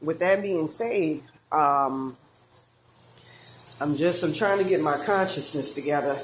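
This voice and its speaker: A woman reading tarot, talking in a halting, rambling monologue with many fillers and restarts, woozy and out of breath. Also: low-pitched, a little hiss or hum. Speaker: tarot reader.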